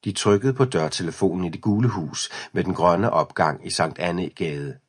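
Male narrator for a children's audiobook, deep-voiced, a bit husky, steady delivery. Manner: even storytelling.

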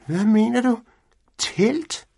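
A man's voice: extremely high pitch, vocal fry, husky, pitched above the performer's own voice, full character voice. Man putting on Findus, the cheeky cat. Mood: eager. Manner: excited, quick questions. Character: young male cat, eager and cheeky.

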